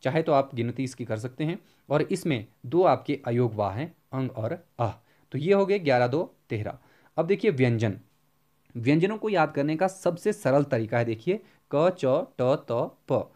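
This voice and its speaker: A man giving an exam-prep Hindi grammar lecture, often asking a question and then answering it himself, and slowing down to spell out examples. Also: medium pitch, lively intonation, a little mellow.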